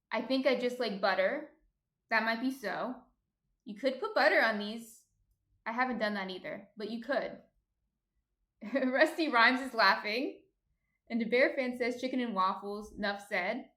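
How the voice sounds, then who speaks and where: Baking on a livestream, a host with a faint New Jersey accent reads viewer comments aloud and chats while thinking through her cooking. She has a fairly high, slightly bright voice, and the sound is roomy.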